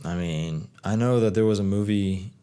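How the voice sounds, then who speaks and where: A young man with a fairly low voice hosts a casual podcast chat. He tells stories in a loose, laid-back way and swears freely. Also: moderate pace, dark tone, smooth. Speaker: podcast host.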